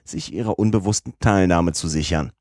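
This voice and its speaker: Crafty police detective, read by a man, low coaxing voice, deep, dry close recording. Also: moderate pace, darkish tone, no echo. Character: crafty English police detective, middle-aged man, persuasive.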